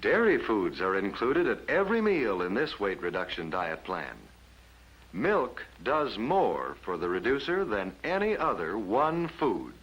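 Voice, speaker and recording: On an old film soundtrack, an American man reads the scripted narration for a 1950s instructional film in a formal, measured announcer style. His voice is lowish, fairly bright and slightly rough, with the highs cut off.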